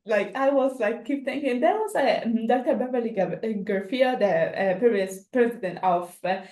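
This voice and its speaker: A woman's voice: on the high side, darkish tone. A young woman from Afghanistan, co-hosting a student podcast in casual talk, earnest and often restarting her sentences. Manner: earnest, restarts often, laughs between phrases. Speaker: student co-host. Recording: echoey room.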